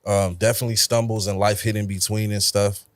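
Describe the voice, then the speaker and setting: A young man from the Los Angeles area, a rapper, telling stories in a relaxed, slangy, profane way in a casual interview. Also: lowish voice, a little fast, dry recording. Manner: laid-back, slangy, profane storytelling. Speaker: rapper guest.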